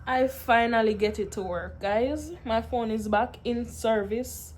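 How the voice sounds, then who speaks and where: A woman's voice: fairly high pitch, a little slow, slight background noise. Tired young woman venting in a casual vlog. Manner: animated storytelling, frequent laughs and sighs. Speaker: vlogger. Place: at home.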